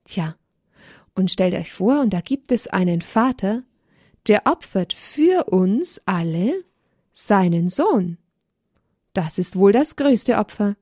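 Slow, gentle woman telling a story. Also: mid-range voice, expressive, no room sound, clean studio sound. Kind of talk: religious children's story reading.

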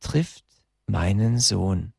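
A man voicing a grieving, fatherly king who speaks calmly, firmly and in a hushed tone. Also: on the low side, very slow, vocal fry, breathy edge, no room sound, studio quality, full character voice. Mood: hushed, solemn. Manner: hushed, calm and firm.

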